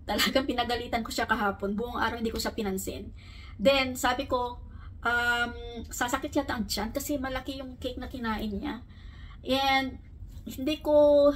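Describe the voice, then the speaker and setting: A high, bright-voiced middle-aged woman from the Philippines chats at home in a vlog, switching between Tagalog and English and laughing often. She sits back from the mic, with faint room noise behind her. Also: distant mic. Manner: coaxing baby talk to her dog. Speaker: vlogger. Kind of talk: casual chat. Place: at home indoors.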